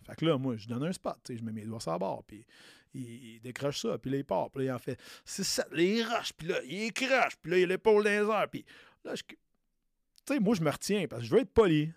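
This Québécois-accented man in his late thirties works as a personal trainer and tells a story loosely and chattily on a casual podcast, dropping in English slang. His voice is fairly high and creaky, with lively intonation and a fairly quick pace, recorded dry with clean studio sound.

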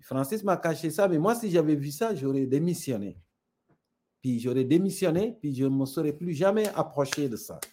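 A man's voice: fairly high pitch, lively intonation, normal speed, mellow, husky. A middle-aged man from Senegal with a Senegalese French accent, a guest speaking thoughtfully and with conviction, telling parables. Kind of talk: reflective conversation.

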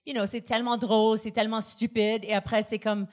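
A woman chatting as a guest comedian on a podcast, effusive and animated, breaking into loud exclamations now and then. Her voice sits a little higher than usual for a woman. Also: a little fast. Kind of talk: casual podcast chat.

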